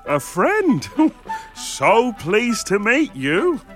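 Slow showy mole, big swoops in pitch, music behind. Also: male voice, wildly swooping pitch, fairly bright tone, heavily acted. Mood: pompous. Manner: pompous, drawn-out, gleeful. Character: blind male mole, pompous and eager host.

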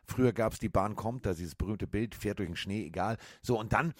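A middle-aged man telling a story in casual chat, animated and acting out other people's voices, with many fillers. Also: fairly low pitch, brisk, no echo, clean studio sound. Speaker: podcast co-host.

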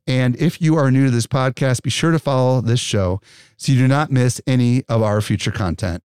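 A man's voice: mid-range voice, a little mellow, smooth. An enthusiastic male podcast host with a mid-range voice, speaking into a studio mic. The sound is dry and close, with no room echo. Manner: upbeat, enthusiastic. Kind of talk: podcast interview and read ad.

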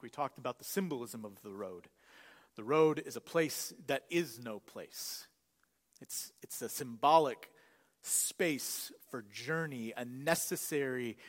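A man preaching a sermon as pastor, earnest, rising to loud emphasis and falling to a near hush. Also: mid-range voice, big-room sound. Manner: earnest preaching that swells louder and drops to a hush. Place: church sanctuary.

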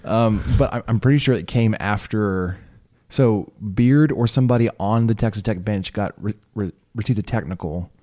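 A man co-hosting a sports podcast in relaxed, chatty talk, his voice a little strained from shouting at a game. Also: on the low side, normal speed, few pauses, dry recording, clean studio sound. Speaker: podcast co-host. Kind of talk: casual sports chat.

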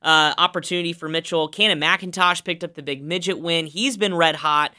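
A man's voice: a little high, fairly even intonation, brisk, bright, forceful tone, clear, resonant tone. A man co-hosting a racing podcast, recapping the week's races in an upbeat, emphatic way with many fillers. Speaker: podcast co-host.

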